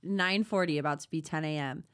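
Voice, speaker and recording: A woman's voice: low voice, fairly quick, smooth. A woman co-hosting a podcast, telling a story in casual chat, acting out what people said and swearing freely. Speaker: podcast co-host.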